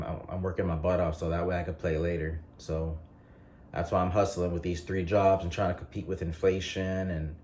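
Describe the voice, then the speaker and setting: A man's voice: low voice, a little hiss or hum. A man in his late twenties chatting casually in a vlog, rambling with lots of ums and restarts. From North Carolina. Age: 20s. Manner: relaxed rambling with frequent fillers and restarts. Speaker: vlogger.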